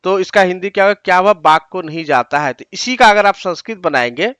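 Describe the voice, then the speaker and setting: High-voiced man teaching word by word. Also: lively intonation, a bit bright, clear, resonant tone, no echo, clean studio sound. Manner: explains word by word, repeats often; slows to spell out example sentences. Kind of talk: online exam-prep lesson.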